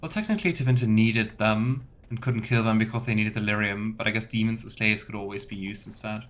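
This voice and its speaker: A male streamer and let's player gives casual commentary on a game, chatting with his viewers and reading in-game text aloud. His voice sits on the low side, steady and slightly bright, and he talks a little fast. Faint video game ambience and slight background noise sit behind him.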